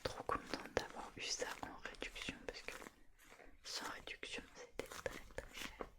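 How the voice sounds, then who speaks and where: A woman softly whispering right in your ear in a casual ASMR show-and-tell, with a gushing, enthusiastic manner. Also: unhurried. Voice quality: soft, unvoiced whisper. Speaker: ASMR YouTuber.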